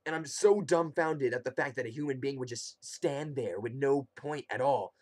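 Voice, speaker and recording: A man's voice: medium pitch, moderate pace. A young man casually telling a humorous personal story, animatedly acting out his reactions. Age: young adult. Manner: animated, acts out quotes and reactions. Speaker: comedic storyteller.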